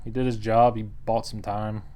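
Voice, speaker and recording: A man's voice: on the low side, level tone, normal speed, dark tone, smooth. A man giving a casual, wry recap of a board game he played, often laughing and quoting the table. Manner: wry, chuckling, acts out table quotes.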